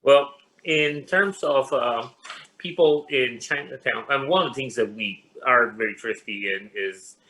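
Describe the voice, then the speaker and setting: A man from the Philippines, a pastor, answering interview questions in a measured way with many pauses and fillers. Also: medium pitch, bright, forceful tone, poor audio. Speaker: interview guest. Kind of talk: casual interview.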